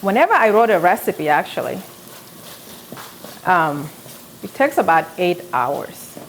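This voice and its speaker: In a low-quality recording with a little hiss or hum, a woman with a fairly low voice speaks unhurriedly, her pitch swinging widely. She's in her thirties, from South Sudan with a South Sudanese accent, hosting a live home-kitchen cooking show and chatting through stories as she cooks, picked up by a camera on a tripod at medium distance.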